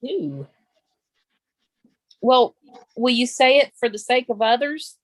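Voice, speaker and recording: A woman's voice: a little high, animated, slow, no room sound. A woman taking part in a live paranormal session, talking in casual conversation. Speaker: participant in a live spirit box session. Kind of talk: casual chat.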